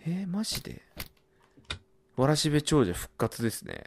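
A man doing horror game commentary, muttering and reading game text aloud, then bursting into loud startled yelps. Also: on the high side, sing-song, normal speed, creaky, slight background noise. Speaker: let's play gamer.

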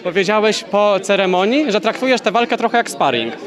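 Young male sports interviewer, quick and high-pitched, probing questions at a crowded event. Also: lively intonation. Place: busy event press wall, indoors. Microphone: handheld mic. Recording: loud crowd chatter behind.

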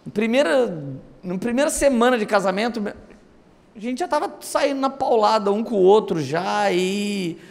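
A male pastor delivering a sermon through lively, humorous storytelling. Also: sits high, creaky, long reverb tail. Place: church auditorium.

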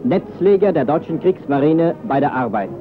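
A man's voice: a little high, expressive, moderate pace. Tinny 1940s newsreel announcer, a man. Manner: crisp, formal announcing. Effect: old newsreel soundtrack. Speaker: newsreel narrator. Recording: tinny narrow-band archival newsreel audio with faint music.

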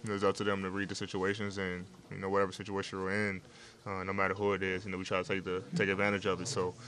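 A young man speaks in a deep voice that hardly rises or falls, answering questions after a game. He talks in a laid-back way, with many fillers and restarts. He is recorded in a locker room with several handheld reporter mics held up to him. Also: monotone, very fast, a bit bright, a little hiss or hum. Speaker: basketball player at postgame interview. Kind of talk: postgame press interview.

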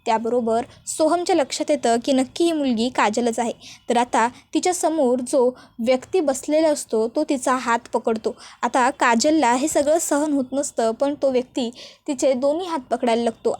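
A woman narrates a TV serial episode in a high voice, switching into the characters' voices when she quotes their lines. The recording is dry and close, with no room sound. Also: darkish tone, dry recording. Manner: acts out quoted dialogue in changing voices.

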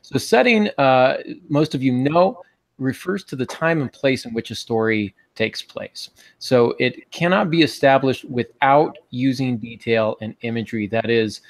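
Recorded indoors in a small home office with no room sound, this mid-range male voice belongs to a podcast host in his forties who teaches writing. He talks about the craft conversationally, relaxed and a little jokey.

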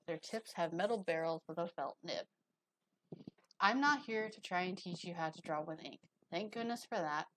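A woman's voice: fairly low pitch, slight background noise, rough recording. A woman streamer casually reading a drawing lesson aloud, with chatty, rambling asides.

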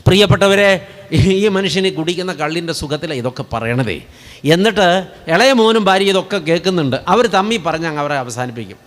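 A man's voice: a little high, animated, fast talker, a bit bright. A man preaching a sermon as a story, turning to the congregation with rhetorical asides.

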